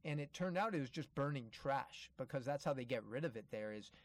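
A man's voice: mid-range voice, lively intonation, fairly quick, no echo. A man giving an informal, earnest motivational talk, addressing listeners directly and repeating key phrases for emphasis. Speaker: motivational travel speaker.

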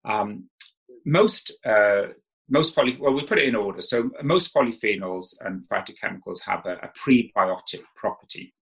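Male professor, gravelly voice, informal explainer with restarts. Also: on the low side, lively intonation, moderate pace, a bit bright, rough recording. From Wales. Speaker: professor, expert guest. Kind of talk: conversational interview.

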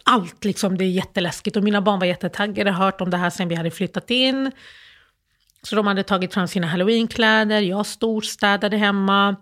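A grieving woman as an interview guest, telling a personal story in a halting, emotional way with many restarts. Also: mid-range voice, fairly even intonation, a bit bright.

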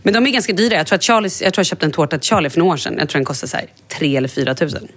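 Chatty woman co-host, slightly low voice. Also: lively intonation, breathy edge. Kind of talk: casual chat.

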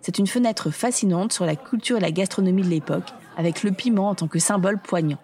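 A woman reading scripted documentary narration in a measured, explanatory way. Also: fairly low pitch, dark tone, some chatter behind.

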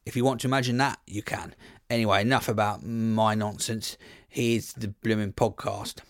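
A man's voice: fairly low pitch, steady tone, normal speed, no echo. British man hosting, close dry sound. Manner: self-deprecating, jokey. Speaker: podcast host. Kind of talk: informal podcast introduction.

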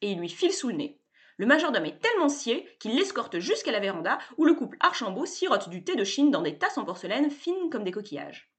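A woman narrating a children's story in a playful, expressive way. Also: on the high side, fairly quick.

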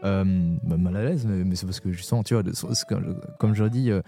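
A young man from France, a poet guest on a podcast, talking frankly and hesitantly in a casual conversation, with many pauses and restarts. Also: fairly low pitch, dark tone, husky, soft background music.

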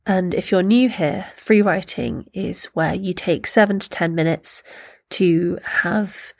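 Female poetry workshop host, lowish pitch, very unhurried pace, gentle and reflective delivery. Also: vocal fry. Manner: gentle, unhurried, thoughtful, pausing to find words. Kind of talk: reflective talk with slow poetry readings.

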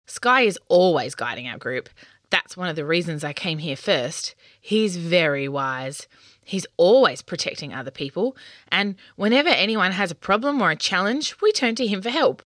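Woman voicing a gentle little boy unicorn. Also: lowish voice, expressive, normal speed, no echo, studio quality. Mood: admiring.

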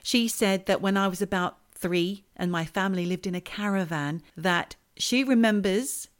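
A woman hosting a podcast in casual chat, telling stories in an animated, chatty way. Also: mid-range voice, moderate pace. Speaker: podcast host.

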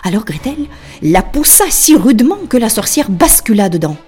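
A woman reading a fairy tale aloud in a soft, half-whispered narration. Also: fairly high pitch, big pitch swings, moderate pace, husky. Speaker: storyteller.

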